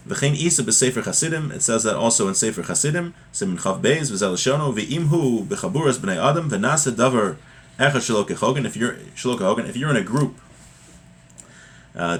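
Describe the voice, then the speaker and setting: A man with a medium-pitched, fairly bright voice gives an informal religious class. He reads aloud from a text, then translates and explains it point by point, often rephrasing and repeating himself.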